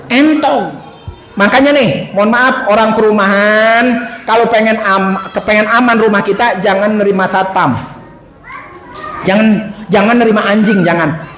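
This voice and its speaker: High-voiced joking preacher in an echoey mosque. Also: male voice, a bit bright. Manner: joking, teasing the audience with animal impressions. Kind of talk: humorous sermon to a congregation. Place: mosque hall. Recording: echoey mosque hall sound.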